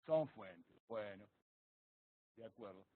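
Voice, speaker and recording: A man's voice: fairly low pitch, lively intonation, slow, crowd noise. A man asking questions as a student in a live online class, hesitant and searching for words. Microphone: video call. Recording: tinny video call audio.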